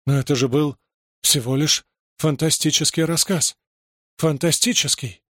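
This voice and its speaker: A man narrating a story aloud in an even storytelling way, acting out the dialogue. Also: a little high, unhurried, dry recording, clean studio sound. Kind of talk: audiobook reading.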